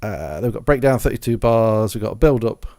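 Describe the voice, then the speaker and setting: Low-pitched man giving a casual tutorial. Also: expressive, brisk, darkish tone, no echo, clean studio sound. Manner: rambling, thinking aloud. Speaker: music gear tutorial presenter. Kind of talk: casual software and hardware walkthrough. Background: scratching noise from a dog in the background.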